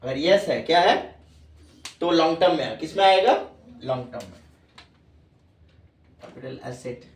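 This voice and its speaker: A man's voice: fairly high pitch, lively intonation, moderate pace, long pauses, a little hiss or hum. Echoey man teaching a class. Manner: repeats questions to students, calls them "babu". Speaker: tax teacher. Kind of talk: classroom lecture. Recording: echoey room, far from mic.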